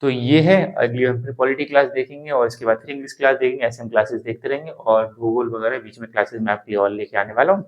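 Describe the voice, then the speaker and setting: Hindi-speaking man teaching English slowly. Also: mid-range voice, fairly even intonation, highs cut off. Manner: patient, repeats example sentences slowly. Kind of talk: spoken English lesson in Hindi.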